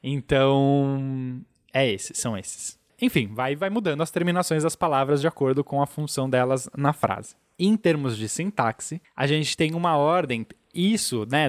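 A Brazilian Portuguese-accented man co-hosting a podcast explains things patiently during casual chat, regularly dropping in "né?". His voice is on the high side, and the studio-quality audio has no echo.

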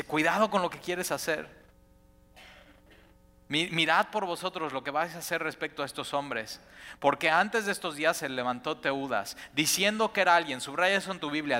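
A man preaches in a bright, forceful voice. He slips into his listeners' inner voices as he speaks. The sound rings with a long reverb from the church hall around him. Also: a little high. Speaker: pastor. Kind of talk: sermon.

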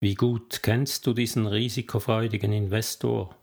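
A man's voice: fairly low pitch, flat delivery, moderate pace, vocal fry, a little mellow. A man reading an audiobook, voicing a wary woman investigator who asks persistent, probing questions. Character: wary adult woman, federal police investigator.

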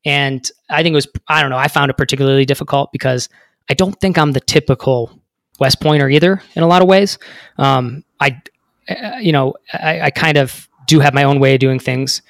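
A man's voice: mid-range voice, brisk, creaky, no echo, clean studio sound. A man in his thirties telling his story as a podcast guest, rambling with many fillers. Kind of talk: casual interview talk.

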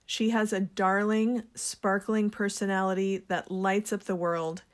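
A woman speaking slowly and with care, in an unhurried, earnest tone. She runs a small business and talks openly about sharing what she makes. Her pitch sits in a middle range. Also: flat delivery. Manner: slow, gentle and earnest; introverted. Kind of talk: reflective personal talk.

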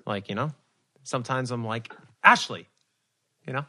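A man's voice: mid-range voice, a little fast, a bit bright, no echo. A man co-hosting a casual podcast chat over a video call, rambling and poking fun at himself. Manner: rambling, self-deprecating storyteller. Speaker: podcast co-host.

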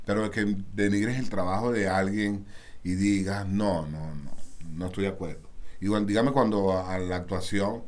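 A lively, somewhat low-pitched man speaks with a Caracas accent in a relaxed interview. He drops street slang freely and mimics the people he quotes. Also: normal speed. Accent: Caracas Venezuelan Spanish. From Venezuela. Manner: animated, street slang, acts out quoted voices. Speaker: musician guest. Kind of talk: casual interview chat.

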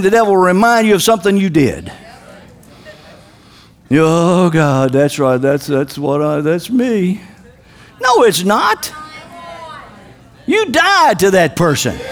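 High-voiced preaching man. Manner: preaching with rising shouts and call-and-response. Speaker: pastor. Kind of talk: sermon.

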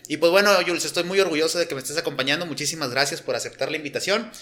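A man's voice: on the high side, very fast, pushed and bright, slight background noise. A man with a Mexican accent hosting a casual podcast, teasing his guest and joking. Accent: Mexican Spanish. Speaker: podcast host.

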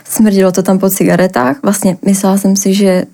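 A young woman from the Ostrava region giving a personal account as a podcast guest, talking haltingly with lots of filler words. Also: mid-range voice, fairly even intonation, vocal fry, mellow.

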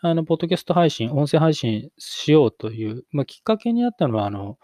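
A middle-aged man hosting a solo podcast, talking reflectively with many fillers and pauses. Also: fairly high pitch, sing-song, mellow, no echo, studio quality. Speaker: podcast host.

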